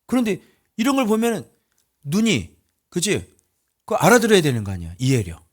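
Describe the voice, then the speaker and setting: A male pastor preaching in a colloquial, emphatic way, often asking his listeners rhetorical questions, swinging between loud outbursts and low mutters. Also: huge pitch swings, a little fast. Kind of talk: sermon.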